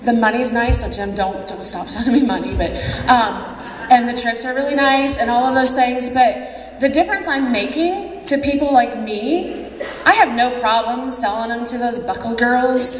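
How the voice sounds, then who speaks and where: A woman gives a motivational talk to a convention crowd. She speaks in a fairly high voice, chats along, and breaks into laughter often. The sound comes from a distant mic in a long-echoing hall with a faint hum behind it. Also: normal speed. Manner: chatty, laughs often, acts out quotes. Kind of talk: motivational speech.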